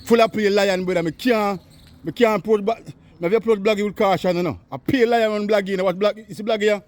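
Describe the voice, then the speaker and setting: A man's voice: high voice, fairly even intonation, fast, a little mellow. A Jamaican man vlogging, chatting in repetitive patois banter and calling out to someone from a distance. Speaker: vlogger interviewing a local. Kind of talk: casual street chat.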